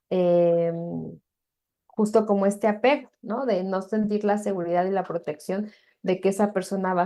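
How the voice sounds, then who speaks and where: Mellow-voiced Mexican woman teaching a webinar. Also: medium pitch. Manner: conversational, frequent tag questions and filler words. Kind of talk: informal webinar lecture.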